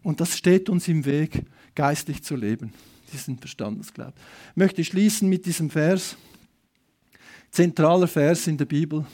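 A man preaching an evangelistic sermon, making emphatic appeals, asking the audience direct questions, and swinging between loud calls and quiet asides. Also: on the high side, normal speed. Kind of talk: lively sermon to a congregation.

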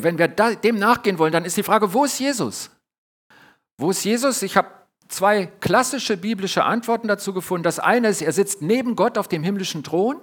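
A man preaching a sermon, addressing his listeners warmly and retelling Bible scenes with dramatic pauses. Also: high-pitched. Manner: earnest, addresses listeners directly as "ihr Lieben"; retells Bible scenes with quoted lines and dramatic drops in volume.

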